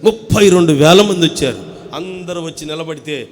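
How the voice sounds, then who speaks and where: A pastor from Andhra Pradesh, India, delivers an impassioned sermon in church, calling on the congregation to respond. He swings between loud proclamation and hushed storytelling, his voice a little high and his pace a little fast.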